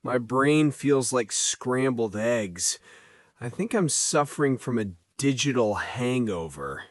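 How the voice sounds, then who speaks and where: Weary, slow-talking man. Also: medium pitch, expressive, dry recording, clean studio sound. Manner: groggy, weary, complaining. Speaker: student co-host. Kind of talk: scripted teaching dialogue.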